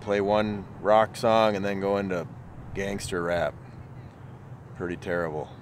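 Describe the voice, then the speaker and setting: Speaking a little slowly in a deep voice with little pitch movement, a middle-aged man vlogs casually over slight background noise. A chatty fitness vlogger and self-described complainer, he moves from his parked car to outside a truck and finally to his home office.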